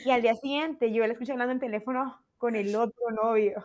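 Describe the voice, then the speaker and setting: Young woman podcast cohost, kinda high voice, telling a funny roomie story, acting out the quotes. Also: quick pace. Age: young adult. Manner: animated, laughing, acting out her own quotes. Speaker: podcast co-host. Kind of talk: casual storytelling chat.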